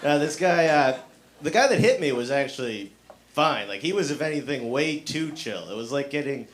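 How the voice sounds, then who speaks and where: A man's voice: medium pitch, expressive, moderate pace. A man from the South Shore of Massachusetts doing a stand-up comedy set on a club stage, self-deprecating and full of fillers. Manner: self-deprecating, filler-heavy delivery with acted quotes. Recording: noisy live club recording.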